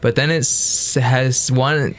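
Male gameplay commentator, mid-pitched, playful and teasing, casual horror game chat. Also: fairly even intonation, slow.

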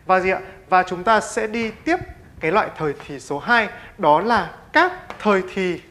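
A man's voice: high voice, expressive, moderate pace, pushed and bright, a little hiss or hum. A Vietnamese-speaking man teaching an English lesson. He keeps asking rhetorical questions, answers them himself and drills pronunciation by repeating words. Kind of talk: classroom-style English lesson.

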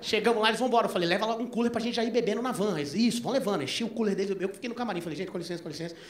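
A man doing stand-up, telling a long story and acting out both sides of the dialogue, his voice jumping up into near-shouts at the punchlines. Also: high voice, rapid-fire. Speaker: stand-up comedian. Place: comedy club stage before a live audience. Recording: echoey club with crowd noise and laughter.

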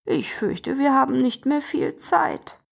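A woman voicing a gentle, loving old grandfather in a children's storybook. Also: sits high, very animated, slow, vocal fry, voice pushed up, exaggerated voice.

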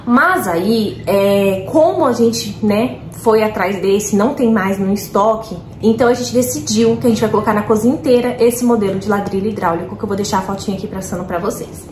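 A woman's voice: medium pitch, a little fast, few pauses. Brazilian woman, home vlogger, eager and talkative, echoey room. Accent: Brazilian Portuguese. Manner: chatty and excited, many fillers, addresses viewers as "gente". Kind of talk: casual chat. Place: at home, roomy indoor space. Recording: echoey room, faint background noise.

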